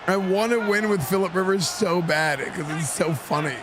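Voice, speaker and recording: A man's voice: high voice, moderate pace, background noise. A man livestreaming a game, chatting casually in a slangy, exclamatory way. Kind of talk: casual reactions to chat while gaming.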